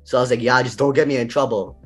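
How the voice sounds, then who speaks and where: A man's voice: medium pitch, very fast, breathy edge. Young man, podcast host, laid-back chat, lots of fillers, faint music behind. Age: young adult. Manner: laid-back, laughs often, filler-heavy. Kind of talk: casual chat.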